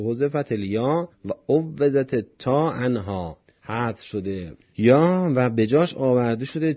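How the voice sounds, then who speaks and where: A man teaching a grammar lesson on Quranic Arabic, explaining each point in small steps with a husky voice. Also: on the low side, muffled recording. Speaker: religious studies teacher.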